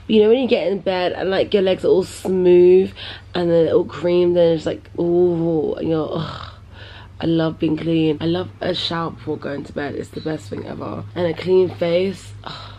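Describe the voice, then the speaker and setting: A woman's voice: on the low side, fairly even intonation, normal speed, mellow, slight background noise. A woman in her twenties chatting tiredly to her vlog, lisping slightly because she is wearing a retainer. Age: 20s. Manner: tired, drowsy. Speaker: travel vlogger. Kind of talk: casual vlog chat. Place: hotel bedroom, lying in bed. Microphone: handheld camera close to the face.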